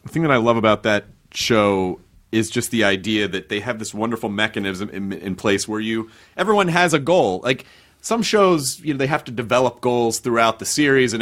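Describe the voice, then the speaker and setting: A man hosting a casual podcast interview, joking and riffing with quick asides. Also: fairly low pitch, a bit bright. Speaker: podcast host.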